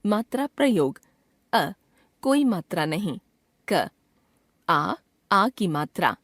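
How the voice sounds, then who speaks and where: A woman reads a grammar lesson at a very slow, deliberate pace, stretching out the sounds she names. Her voice sits in a middle pitch and sounds dry and close, with no room around it. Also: no echo. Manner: slow, careful, drawn-out enunciation of sounds. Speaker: teacher. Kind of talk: scripted grammar lesson reading.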